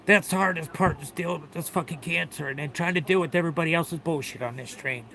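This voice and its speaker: Bright-voiced man pleading on a livestream. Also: fairly high pitch, fast talker, vocal fry, a little hiss or hum. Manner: earnest, repetitive, swears often. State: tearful. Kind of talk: emotional livestream talk.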